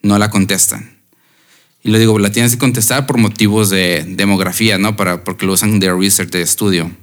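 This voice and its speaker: A man's voice: lowish voice, fairly quick. A man with a Mexican Spanish accent, chatting casually on a podcast and explaining his point with examples. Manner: relaxed, slangy, explains with examples. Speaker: podcast co-host. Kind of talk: casual chat.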